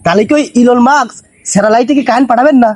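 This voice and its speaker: A man's voice: very high voice, very fast. A man playing a gullible young villager in a comic drama, talking in an earnest, naive way.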